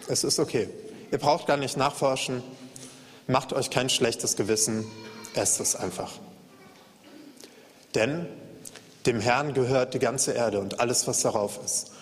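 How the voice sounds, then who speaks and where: A man preaching a sermon in a calm way, repeating key phrases for emphasis. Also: mid-range voice, big-room sound.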